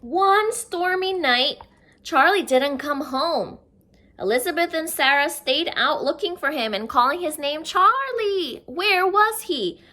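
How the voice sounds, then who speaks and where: This children's story reader has a high-sitting voice with a bright, forceful tone, and she takes her time. She reads a picture book expressively to little ones, pausing for simple explanations.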